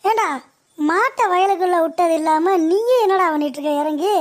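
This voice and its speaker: An indignant male farmer, as a woman puts him on in a cartoon comedy. His voice is pitched very high. He makes loud, angry demands. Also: normal speed.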